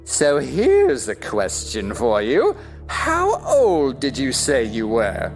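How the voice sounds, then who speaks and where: Slow and rumbling low, her pitch swooping wildly, a woman puts on a full character voice for a smug, argumentative egg. The egg is pompous and touchy, and every line gets haughty, overblown emphasis. Music sits in the background of this theatrical audio drama.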